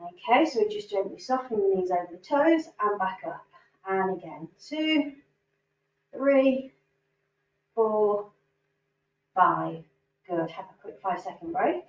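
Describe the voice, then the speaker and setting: A woman's voice: mid-range voice, brisk, darkish tone. Upbeat woman leading an exercise class. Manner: upbeat, encouraging, counting reps. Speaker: fitness instructor. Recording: roomy, distant, dull sound.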